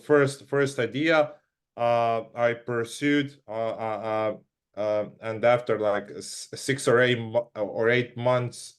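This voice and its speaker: Man from Croatia, slow halting speech, smooth clear voice, lots of restarts. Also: medium pitch. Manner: halting, with many restarts and repeated words. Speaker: guest entrepreneur. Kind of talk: casual interview talk.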